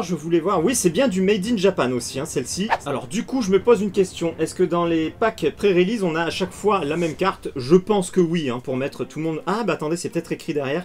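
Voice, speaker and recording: A man giving casual unboxing commentary as a card collecting video host, breaking into excited exclamations over each card. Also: a little high.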